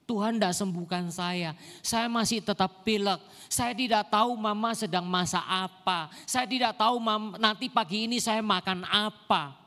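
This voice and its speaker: Guy doing a little kid with a cold, whiny and plaintive, voice pushed higher, echoey church hall. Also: moderate pace, few pauses, pushed and bright. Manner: plaintive, complaining. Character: small sick child with a cold, plaintive.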